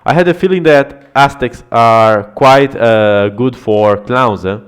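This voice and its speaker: A man's voice: medium pitch, takes it slowly, smooth. A man streaming live game analysis, chatting with viewers, swearing often and laughing a lot.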